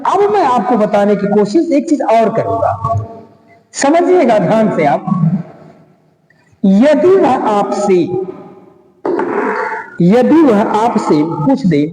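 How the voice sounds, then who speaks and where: A man teaching a lesson, speaking slowly, repeating key terms and stretching out single words. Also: high-pitched, very animated, noisy background. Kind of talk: classroom lecture. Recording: echoey room, roomy reverb.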